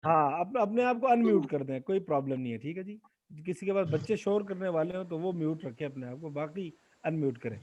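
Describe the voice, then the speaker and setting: Man, high voice, Arabic grammar teacher, quizzing his class over a video call. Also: lively intonation, darkish tone, muffled recording. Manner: asks the class questions and has them answer aloud. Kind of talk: online Quran Arabic grammar lesson.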